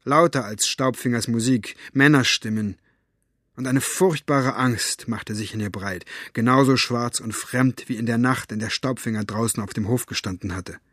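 A man narrating a storybook with an expressive, dramatic reading. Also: mid-range voice, moderate pace, no room sound, clean studio sound. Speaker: audiobook narrator.

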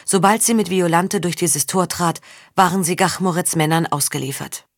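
Low-voiced woman reading fiction, dry. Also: normal speed, no echo. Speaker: audiobook narrator. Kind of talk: scripted narration.

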